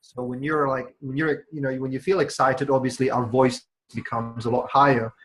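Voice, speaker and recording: A man's voice: medium pitch, flat delivery, normal speed, rough recording. A man teaching an English test prep class over a video call, explaining at length with frequent fillers. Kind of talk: online class instruction.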